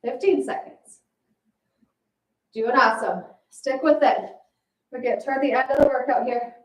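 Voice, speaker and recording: A woman's voice: sits high, fairly even intonation, normal speed. A woman leading a workout as an aerobics instructor, encouraging, cueing moves and counting in short commands. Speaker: fitness instructor. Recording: echoey room, distant mic.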